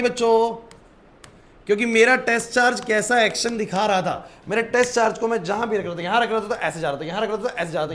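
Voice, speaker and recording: High-voiced teacher quizzing his class. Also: a bit bright. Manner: asks students to confirm understanding; mixes English terms into Hindi. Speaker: physics teacher. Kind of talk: classroom lecture. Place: classroom with whiteboard.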